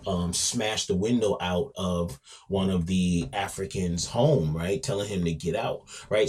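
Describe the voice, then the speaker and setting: A man hosting a podcast in a casual monologue, talking emphatically with many restarts and repeats, his volume swinging between loud and quiet. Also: fairly low pitch. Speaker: podcast host.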